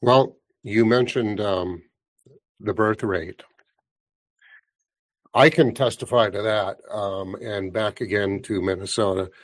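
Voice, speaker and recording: A man hosting a conversational interview, telling anecdotes in an unhurried, relaxed way. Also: on the low side, no room sound.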